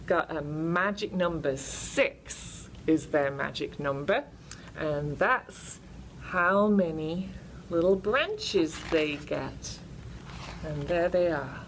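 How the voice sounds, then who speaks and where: A woman's voice: lowish voice, expressive, extremely slow, slight background noise, low-quality recording. A woman hosting a children's storytime as a librarian, speaking and singing in a sing-song way to young children. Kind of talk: children's storytime, sing-along and simple explaining.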